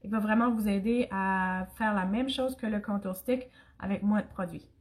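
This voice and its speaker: A woman's voice: mid-range voice, fairly even intonation, normal speed. Young acadian woman doing a makeup tutorial, sick and scratchy-throated, chatty, talks right to viewers. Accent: Acadian French. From Canada. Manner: chatty, addresses viewers and live commenters. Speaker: makeup demonstrator.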